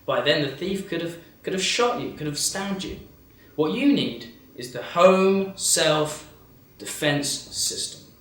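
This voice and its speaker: A man acts a confident professor in a parody infomercial, selling gadgets matter-of-factly. His voice is slightly high and swings with emphasis. It is recorded in an echoey room, a bit away from the mic. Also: lively intonation, slow, a bit bright. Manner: matter-of-fact, emphatic demonstrator. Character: confident male professor pitching absurd home weapons. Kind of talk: parody infomercial sales pitch. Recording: echoey room, distant mic, faint noise.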